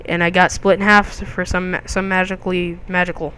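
A young man hosting a gaming video, giving jokey, excitable commentary with crude outbursts as he plays. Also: high voice, brisk, a little hiss or hum. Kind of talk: gameplay commentary.

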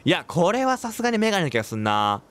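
A man's voice: sits high, huge pitch swings, quick pace, fairly bright tone. A man giving let's play commentary on a game, reacting, quipping and talking to himself as he plays. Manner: reactive, talks to himself, quips and exclaims.

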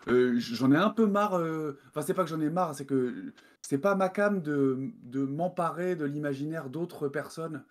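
A man's voice: a little high, moderate pace. A man from France, a game developer guest, talking casually in an interview over a video call, hesitant with many fillers and restarts.

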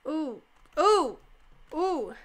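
Sounding stuffy from a cold, this teen gaming YouTuber has a high, sing-song voice that draws out her words. She rambles through casual gameplay chat, saying "like" constantly, yelping and laughing as she plays.

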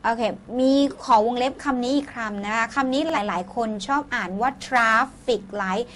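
A woman teaches in a classroom, drilling vocabulary with slow, carefully spoken words. Her voice sits a little high. A faint hum of the room is heard behind her. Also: a bit bright. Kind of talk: classroom English lesson.

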